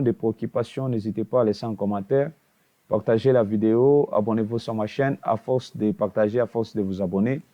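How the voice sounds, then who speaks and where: A man talks through a website tutorial in a mellow, dark-toned voice. He hesitates often, fills pauses with filler sounds and restarts his sentences. He keeps coming back to the same stock phrase as he explains each step. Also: mid-range voice. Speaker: tutorial video host. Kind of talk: casual screen-walkthrough tutorial.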